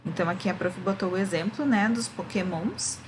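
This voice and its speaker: A woman's voice: mid-range voice, a little fast, background noise. A woman, a primary school teacher, gives a remote lesson to children, explaining patiently and often checking that they follow.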